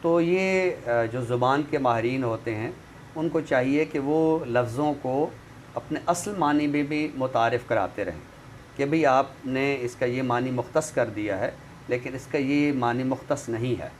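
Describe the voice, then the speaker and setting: An unhurried man with a mid-range voice and a Pakistani accent breaks down language and literature as an expert, teaching with examples. He is a literary commentator and guest expert on a talk show, recorded with clear background noise.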